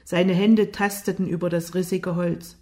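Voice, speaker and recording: A woman reading a novel aloud as narrator, with expressive storytelling. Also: fairly low pitch, normal speed. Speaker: audiobook narrator. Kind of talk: scripted narration.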